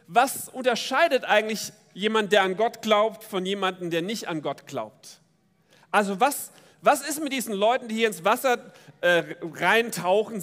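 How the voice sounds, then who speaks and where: A man preaching a lively sermon at a baptism service, speaking directly to his congregation in a church. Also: high-pitched. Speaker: pastor. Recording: long church reverb.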